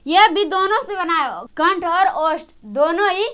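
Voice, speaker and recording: High bright woman teaching a class. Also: a little slow. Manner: repetitive, asks and answers her own questions. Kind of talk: exam-prep grammar lesson.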